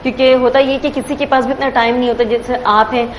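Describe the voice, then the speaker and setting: A chatty woman hosts a talk show in a fairly high voice and often slips English phrases in. There is a faint hiss behind her in the studio. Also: steady tone. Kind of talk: casual chat.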